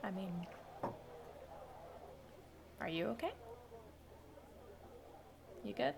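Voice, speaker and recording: Female player with gravelly fry, steady background noise. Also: mid-range voice, extremely slow. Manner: quippy, soft-spoken in character. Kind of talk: role-playing a character.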